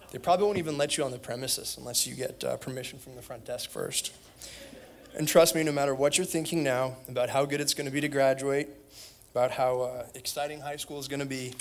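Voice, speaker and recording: A young alumnus gives a prepared graduation speech at a school event hall, earnest and direct in manner. His voice is mid-range, with a little hiss or hum in the recording.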